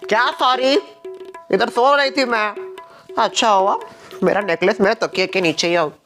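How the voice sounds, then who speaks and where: A man playing a whole household of women and neighbours in a comedy skit, jumping between squeaky and low put-on voices, with music behind him. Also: normal speed, close to an everyday voice. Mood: frantic scolding. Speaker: sketch comedian playing all characters. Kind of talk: comedy skit with one performer in every role.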